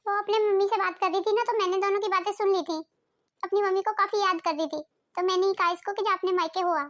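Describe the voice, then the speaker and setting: A woman voicing a fair-minded, gentle mother-in-law in a family cartoon, talking patiently. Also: extremely high pitch, fairly even intonation, quick pace, muffled recording. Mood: kindly.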